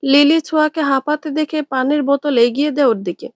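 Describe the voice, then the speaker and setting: A woman storyteller reading a dramatic story aloud in a steady narrating voice. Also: high voice, brisk, no room sound.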